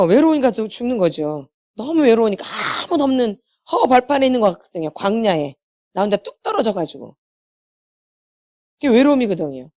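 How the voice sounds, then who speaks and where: A woman's voice: a little high, warm tone. A woman preaching a healing sermon to a congregation, repeating key phrases and asking questions she answers herself. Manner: asks the congregation rhetorical questions and answers them. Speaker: healing ministry lecturer.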